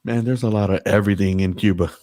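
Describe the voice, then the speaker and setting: A man's voice: on the low side, fast. A man hosting a casual podcast, swearing freely and acting out the voices in his stories. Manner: profane, animated storyteller acting out quoted voices. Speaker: podcast host.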